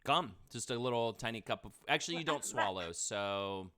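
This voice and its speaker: A man's voice: medium pitch, expressive, normal speed, sharp tone. A man hosting a live stream, chatting casually in a joking, rambling, self-mocking way. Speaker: livestream show host. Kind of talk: casual chat. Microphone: computer mic on a live stream.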